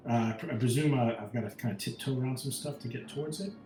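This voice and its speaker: Speaking fast in a slightly mellow, medium-pitched voice, a man voices his character in a tabletop roleplaying game, casually thinking aloud with some hesitation. The room echoes and music plays underneath.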